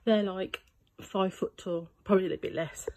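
A woman's voice: medium pitch, fairly even intonation, moderate pace, heavy background noise. A middle-aged woman chatting casually to camera as an online reseller, rambling along with many fillers. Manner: talks quietly inside the unit. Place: storage unit.

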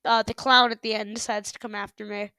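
A young woman giving casual reaction commentary, sarcastic and excitable, breaking into loud startled yelps and gasps. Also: medium pitch, fairly quick, smooth, dry recording. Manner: sarcastic running jokes. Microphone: headphones on while recording.

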